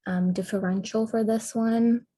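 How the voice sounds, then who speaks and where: A woman's voice: a little high, fairly even intonation, unhurried, dark tone, no echo. A woman resident answering questions in a case review over a video call, thinking aloud tentatively with many ums. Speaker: dermatology resident.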